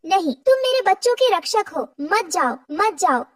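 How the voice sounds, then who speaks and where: A woman's voice: very high voice, big pitch swings, moderate pace, voice pushed up. A woman voicing an anxious, devoted mother bird in a cartoon, pleading and fretful. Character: worried mother bird, young female, devoted. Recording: distant with faint noise.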